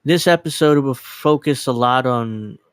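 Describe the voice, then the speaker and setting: Swearing casually and poking fun at himself, a thirtysomething livestream host rambles in a scattered, relaxed way. His voice is clear and smooth at a middling pitch, a little slow, and the dedicated microphone captures it dry and close with no echo.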